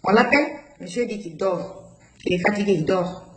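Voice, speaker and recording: Animated woman. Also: mid-range voice, normal speed. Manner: animated, acts out the dialogue of others. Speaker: guest recounting a personal experience. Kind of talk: emotional first-person storytelling. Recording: roomy with faint background noise.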